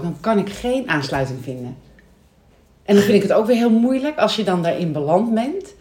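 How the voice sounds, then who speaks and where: A woman's voice: lowish voice, dark tone, roomy sound. A woman in her forties, co-hosting a podcast in casual chat, chatty with many fillers and restarts. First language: Dutch. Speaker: podcast co-host.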